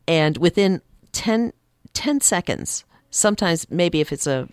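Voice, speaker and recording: A woman's voice: measured pace, no room sound. A woman working as a communication coach, a guest chatting casually at a studio desk mic and acting out quoted voices now and then. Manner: acts out quoted voices with lively pitch swings. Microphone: desk microphone.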